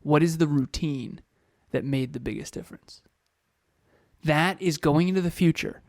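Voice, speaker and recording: This motivational podcast co-host, a man in his thirties, has a fairly high, gravelly voice with a darkish tone and speaks at a moderate pace. He's energetic, leaning on rhetorical questions and repeated phrases. The recording is dry and studio clean.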